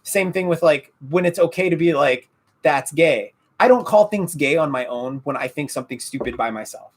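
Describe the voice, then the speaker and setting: A man co-hosting a podcast in casual chat, animated and profane, often laughing. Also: fairly high pitch, fairly quick. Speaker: podcast co-host.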